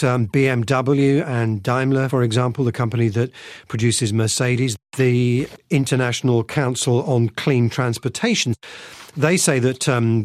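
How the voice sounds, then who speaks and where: A man's voice: medium pitch, no room sound. Male correspondent, dry sound. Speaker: news correspondent. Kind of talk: live two-way news analysis.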